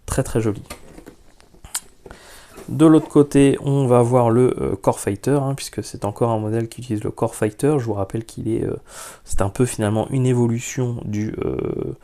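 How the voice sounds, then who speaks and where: A man's voice: mid-range voice, moderate pace, warm tone. Chatty French man unboxing a model kit. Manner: chatty, many hesitations, frank opinions. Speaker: YouTube model-kit reviewer. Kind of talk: casual unboxing vlog.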